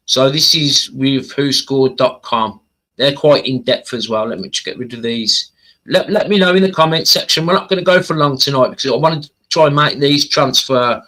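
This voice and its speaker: A man with a bright, forward voice hosts a casual football livestream. He talks through player stats conversationally, hesitating and repeating himself as he goes. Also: medium pitch, poor audio. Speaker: football fan channel livestream host.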